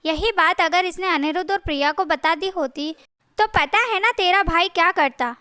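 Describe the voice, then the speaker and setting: A woman's voice: very high-pitched, moderate pace, bright, forceful tone, dry recording, clean studio sound. A woman voicing a harsh, scornful older mother-in-law in a family story. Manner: scornful, scolding.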